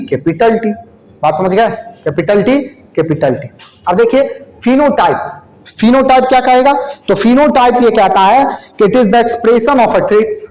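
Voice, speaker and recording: A male biology teacher giving a classroom lecture. He spells out terms slowly as he writes and keeps asking the class questions. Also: sits high, darkish tone, reverberant, rough recording. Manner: repeats terms slowly while writing, asks questions to the class.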